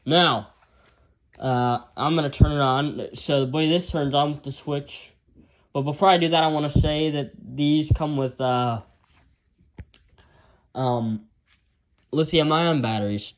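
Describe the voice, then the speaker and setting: This fairly high-pitched man from the United States is an amateur reviewer demonstrating a product off the cuff, rambling and halting as he chats informally.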